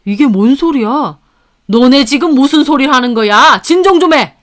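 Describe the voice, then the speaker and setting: A woman voicing an alarmed older father-in-law who demands calm during a family fight in a story narration. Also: a little high, unhurried, voice pushed up.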